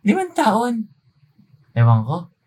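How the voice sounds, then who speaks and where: A man's voice: slow pace, husky. A man co-hosting a casual podcast chat, joking and sarcastic. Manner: animated, swinging pitch, sarcastic asides. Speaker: podcast co-host.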